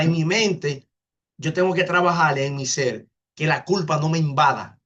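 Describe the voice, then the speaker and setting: A man's voice: a little high, a bit bright. Earnest man teaching, lo-fi sound. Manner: earnest, repeats words while thinking. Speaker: teacher of an online spiritual class. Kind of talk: casual teaching, answering comments.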